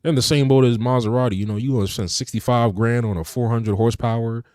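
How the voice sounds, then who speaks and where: A man's voice: mid-range voice, fairly even intonation, fast, warm tone, no room sound, clean studio sound. A young man co-hosting a podcast, chatting casually about cars, laid-back with lots of "you know" fillers. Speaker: podcast co-host. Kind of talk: casual car chat.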